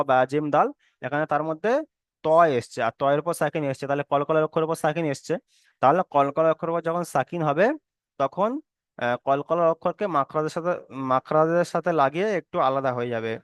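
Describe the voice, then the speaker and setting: A man leads an online Quran reading lesson, patient and repetitive, sounding each letter out slowly. His voice is smooth and clear, a touch higher than most men's. The sound is dry and close, with no room around it. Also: no room sound. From Bengal. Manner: often checks in with listeners.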